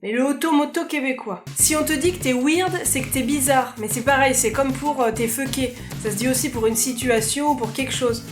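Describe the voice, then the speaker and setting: A woman vlogger explaining words in a casual, playful, self-mocking way. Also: fairly high pitch.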